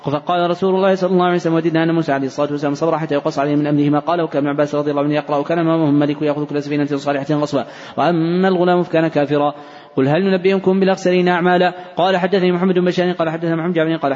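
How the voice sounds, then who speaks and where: A man reading hadith texts aloud in a fast, even recitation, recorded in a large mosque hall. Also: on the high side. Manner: fast, even, unbroken reading with brief slips. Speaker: hadith reader. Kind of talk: rapid recitation of hadith text. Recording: dull recording in a reverberant hall.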